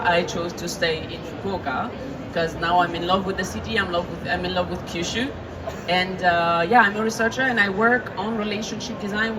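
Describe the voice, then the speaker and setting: A woman from France, a researcher, introducing herself on a conference panel in a plain-spoken way. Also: mid-range voice. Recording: distant mic in a noisy event hall.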